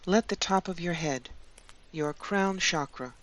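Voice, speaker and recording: A woman hosting her channel and leading a guided meditation in a calm, soothing voice. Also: on the low side. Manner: slow, calm, soothing delivery with long pauses.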